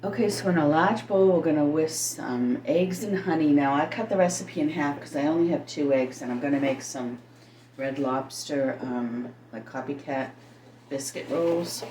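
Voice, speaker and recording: Recorded by a camera set a little away in her home kitchen, a middle-aged woman rambles casually, thinking aloud as she demonstrates home cooking indoors. Her low voice is warm and moves at a normal speed. The audio is roomy and distant, with faint noise and kitchen clatter.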